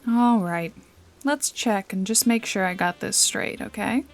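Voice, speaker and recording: Sardonic and menacing, she plays a domineering detective-bodyguard in a close-up noir ASMR scene, her breathy, natural medium-pitched voice frequently slipping into a whisper. She speaks a bit slowly, with faint music in the background, and keeps up a teasing, offhandedly threatening manner.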